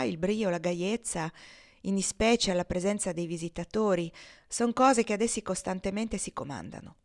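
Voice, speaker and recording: A woman narrating a classic novel as an audiobook. Her reading is measured and expressive, at a medium pitch. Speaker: audiobook reader.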